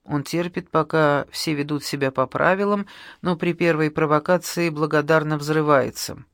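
An audiobook narrator reading a novel in a calm, measured way. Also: mid-range voice, no room sound, clean studio sound. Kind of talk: scripted narration.

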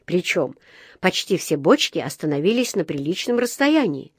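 A woman narrating a children's story in a clear, even storytelling manner. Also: on the low side, no room sound, clean studio sound.

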